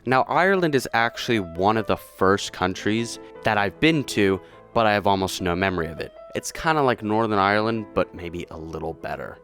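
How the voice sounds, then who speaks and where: A young man chatting casually and jokily while ranking countries, often trailing off quietly at the ends of phrases. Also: on the low side, lively intonation, a little fast, faint music behind. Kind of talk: casual commentary vlog.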